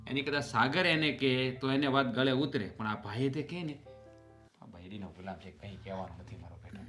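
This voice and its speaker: A man with a mid-range, slightly fast, sharp voice plays a frustrated elder brother and husband in a family drama, grumbling about his relatives and trading teasing jabs with his wife. His delivery stays close to everyday speech, with faint music in the background.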